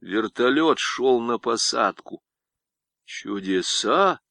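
A man narrating a literary audiobook with expressive, lively intonation. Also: medium pitch, unhurried, dry recording.

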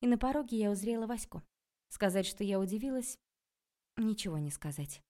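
A woman's voice: medium pitch, expressive, a little fast, mellow. Ironic woman reading a novel. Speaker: audiobook narrator. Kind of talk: first-person novel narration.

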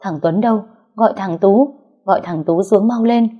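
A woman's voice: fairly low pitch, normal speed, lo-fi sound, close to an everyday voice. A woman voicing a harsh, scolding middle-aged mother-in-law in an audio story. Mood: frantic. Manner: scolding and commanding.

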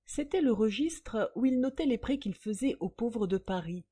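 A woman reading a novel aloud as narrator, with expressive, dramatic storytelling. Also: on the high side, normal speed, slightly rough. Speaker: audiobook narrator.

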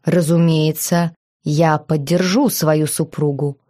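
A woman voicing a self-assured young husband who speaks in a lazy, unhurried, mocking tone. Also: fairly low pitch, darkish tone, no echo, clean studio sound, close to an everyday voice. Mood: teasing.

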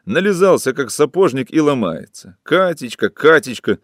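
Man doing a shrill, scornful street woman. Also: very animated, moderate pace, no room sound, clean studio sound. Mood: contemptuous, scolding. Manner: shrill, mocking, scolding.

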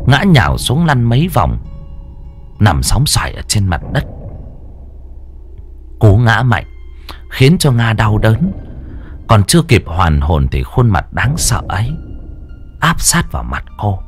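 A man narrating a horror audiobook, drawing out words to build suspense. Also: sits low. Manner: expressive, drawn-out for suspense. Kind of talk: dramatic horror story narration.

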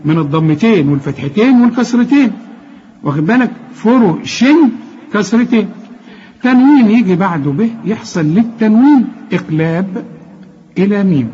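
High husky Egyptian teacher. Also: male voice, warm tone, muffled recording. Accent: Egyptian Arabic. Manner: explains step by step with quick rhetorical questions, then recites words slowly. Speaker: Quran recitation teacher. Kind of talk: tajweed lesson, explaining and demonstrating recitation.

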